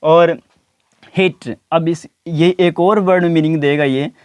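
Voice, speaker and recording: High-voiced man teaching pronunciation. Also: steady tone, smooth, no echo. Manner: repeats each word slowly several times. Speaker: English teacher. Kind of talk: explaining pronunciation to learners.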